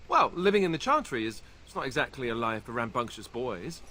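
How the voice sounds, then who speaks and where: A man playing a bashful, earnest young gentleman in a video game, awkward and stammering. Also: mid-range voice, sing-song, a little fast, slight background noise. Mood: embarrassed, evasive. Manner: hesitant, stammering. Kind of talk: video game character dialogue.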